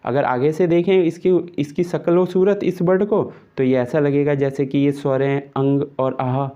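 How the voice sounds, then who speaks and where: A man's voice: fairly high pitch, steady tone, moderate pace, dark tone, highs cut off. A man teaching a Hindi grammar lesson for exam preparation, explaining step by step, sounding out the example vowels and often tagging "right" in English.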